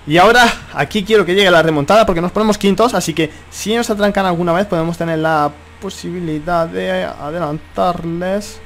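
A young man with a Spanish accent from Spain giving excitable live gameplay commentary, exclaiming and repeating himself often. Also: high-pitched, fast talker, hardly any pauses. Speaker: gaming YouTuber. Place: at home.

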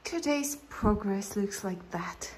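A woman in her thirties films her house renovation vlog on a phone held at arm's length, moving from a lakeside hill outdoors to an empty house being redone. She narrates chattily and cheerfully, laughing often, her medium-pitched, animated voice unhurried over background music.

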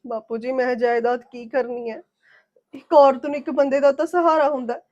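An actress playing a young wife betrayed by her husband, tearful and pleading, sharp-tongued with him. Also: high voice, little pitch movement, a little fast, lo-fi sound, lightly acted. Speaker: wronged first wife.

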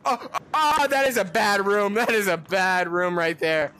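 A young man giving casual commentary while playing a game with a friend, jumpy, swinging from hushed mutters to shrieking laughter. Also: high-pitched, measured pace, clear, resonant tone.

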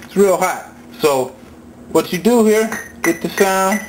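A man with a high-pitched voice speaks slowly while demonstrating music gear in a relaxed, slangy tutorial. Background noise is present, along with sampled loops and instrument sounds playing behind his voice.

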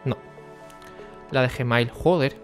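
A young man, chatting casually on a stream and talking to his viewers by name, often keeping his voice low for the neighbours. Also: takes it slowly, faint music behind. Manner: speaking quietly for the neighbours.

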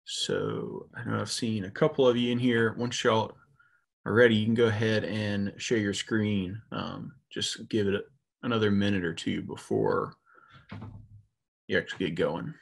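A man's voice: fairly low pitch, steady tone, measured pace, creaky, husky. A young man moderating a session casually and unscripted over a video call headset. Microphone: earphone headset on a video call.

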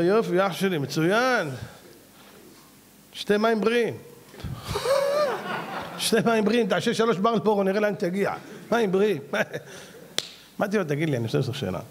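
Slight background noise accompanies a middle-aged rabbi as he tells a sermon story. In a high voice, he plays both sides of a conversation with a salesman.

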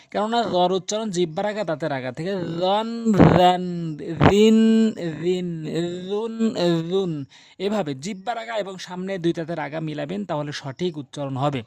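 Man teaching pronunciation with slow drills. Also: high voice, creaky, no echo. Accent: Bangladeshi Bengali. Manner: drills letter sounds slowly with repeated pairs. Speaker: Quran recitation teacher. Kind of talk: online tutorial lesson.

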